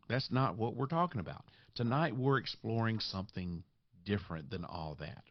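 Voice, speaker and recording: Raspy, congested deep-voiced man hosting a podcast. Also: no echo, lo-fi sound. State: congested with sinus trouble, under the weather. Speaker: podcast host. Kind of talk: podcast monologue.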